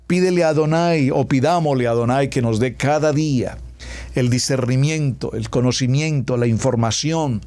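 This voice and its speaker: A man preaching a radio sermon as pastor, stacking words into lists and slowing down to stress key words. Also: medium pitch, darkish tone.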